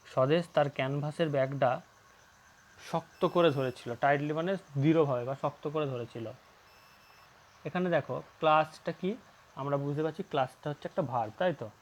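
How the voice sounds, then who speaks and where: Man teaching English grammar. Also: on the high side. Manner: reads English lines slowly, then explains with rhetorical questions. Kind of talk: English grammar lesson in Bengali.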